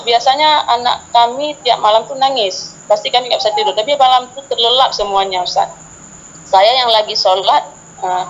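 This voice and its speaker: A middle-aged woman from Aceh, earnestly telling a personal testimony to a religious teacher, with many fillers. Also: a little high. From Aceh, Indonesia. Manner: earnest, addresses the host as Ustaz constantly, many fillers. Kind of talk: earnest storytelling. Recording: dull lo-fi sound with faint noise.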